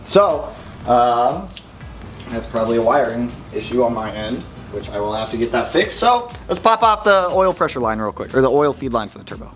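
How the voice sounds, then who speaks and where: Working hands-on in a garage, a car modding vlogger explains repair steps casually, upbeat and plain-spoken. He talks at normal speed with a medium pitch that swings widely, and background music is clearly audible over his voice.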